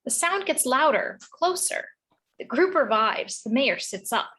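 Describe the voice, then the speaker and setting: Husky woman narrating a script. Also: high voice, expressive, unhurried, pushed and bright. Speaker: narrator reading stage directions.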